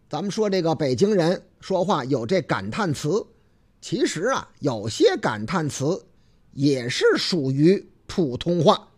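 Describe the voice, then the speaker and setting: Chatty Beijing-accented male radio host. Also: sits high. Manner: chatty and folksy, drawling filler particles. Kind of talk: casual radio talk show chat.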